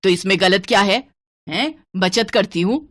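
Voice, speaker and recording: A woman's voice: mid-range voice, a little slow, a bit bright, no echo, clean studio sound. Woman doing a stingy, bossy mother-in-law. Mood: alarmed scolding. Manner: scolding, penny-pinching nagging.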